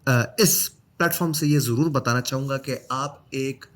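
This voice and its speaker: A man from Pakistan hosting a podcast, building long, measured questions for his guest. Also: medium pitch, fairly bright tone. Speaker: podcast host. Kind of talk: podcast interview.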